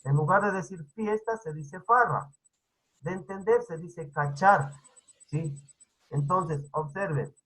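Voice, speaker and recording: A man's voice: on the high side, slow pace, a bit bright, breathy edge, low-quality recording. A male teacher giving an online class over a video call. He keeps checking understanding with "¿sí?" and repeats his points. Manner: repetitive, instructive.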